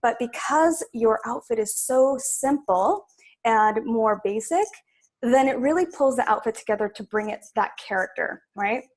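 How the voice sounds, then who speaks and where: A woman's voice: on the high side, a little slow. A young adult woman from Sudan, a stylist guest, talking chattily in a casual interview with many fillers.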